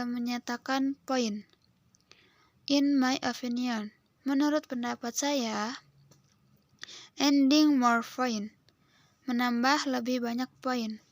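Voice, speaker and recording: Young woman, Indonesian accent, slow careful reading, fairly high voice, dry close sound. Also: no echo. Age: young adult. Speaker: student presenting a lesson. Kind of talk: reading English phrases with translations.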